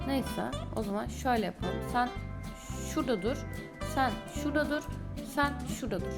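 Woman vlogger, high-pitched, casual chatty gameplay talk, music bed behind. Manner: chatty, talks to viewers while building. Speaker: gaming YouTuber. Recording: background music under voice.

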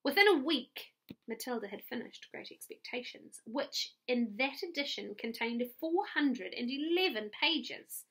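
A woman's voice: sits high, animated, a little slow, a bit bright, breathy edge. A woman with a New Zealand accent reading a chapter book aloud to children as their teacher, friendly and stopping for little asides.

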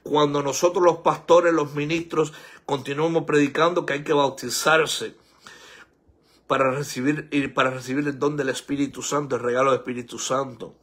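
Husky older male pastor preaching. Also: flat delivery, moderate pace, fairly bright tone. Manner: exhorting, rising to high emphatic peaks. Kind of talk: sermon. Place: church sanctuary.

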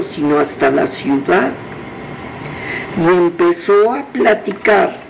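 A man telling a children's folk tale in a gentle, unhurried way. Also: high voice, vocal fry, slight background noise, poor audio. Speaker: storyteller.

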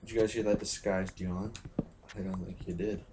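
A man's voice: deep voice, level tone, normal speed, very noisy. A tired young man giving rambling, self-mocking, casually profane commentary while playing a game. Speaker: gaming channel host. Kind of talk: casual let's-play commentary. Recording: loud background music.

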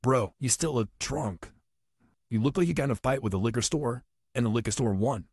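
A man whose recorded line is run through a voice changer, playing a young buddy who mocks his hungover friend in slow, drawn-out jabs. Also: medium pitch, a little mellow, husky, dry recording, clean studio sound. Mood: mocking. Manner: mocking, drawn-out ribbing.

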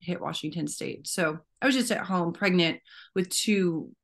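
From a room at home, a woman in her thirties joins a casual panel over video call as an author, talking earnestly and energetically. She has a lowish voice and speaks at normal speed.

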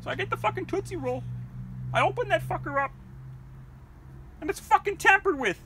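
Comedic vlog rant: a woman as a cursing, rambling puppet-world mother, shrill and sharp. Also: lively intonation, fairly quick, a little hiss or hum, full character voice. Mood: grumbling. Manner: profane, shouting, rambling. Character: foul-mouthed furious puppet-world mother.

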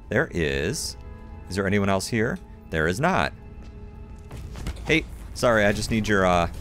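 With a voice on the low side and a bit bright, a man runs a let's play, talking casually throughout and tossing in jokes at his own expense. Game audio and music sit beneath his commentary.

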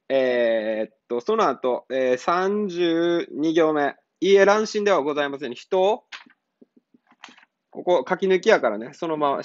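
A man with a voice on the high side, a cram school teacher, goes over answers to a literature exercise in a casual, blunt manner with teasing asides. The recording has dull lo-fi sound with no echo.

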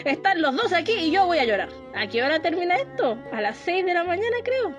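A woman's voice: very high-pitched, very animated, brisk, over music. A woman giving casual commentary while playing a horror game, easily frightened, shrieking and laughing nervously.

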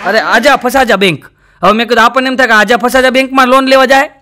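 A man's voice: extremely high pitch, quick pace, a crowd in the background, background noise. A man with a Gujarati accent telling jokes on stage in a chatty way, often turning to the audience as "sir". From Gujarat, India. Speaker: stand-up comedian. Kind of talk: stand-up joke telling.

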